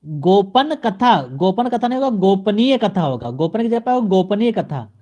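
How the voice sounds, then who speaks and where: A male teacher giving an exam-prep grammar lesson, addressing the viewer and repeating each correction in a steady drilling pattern. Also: high-pitched, brisk. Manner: speaks straight to the viewer.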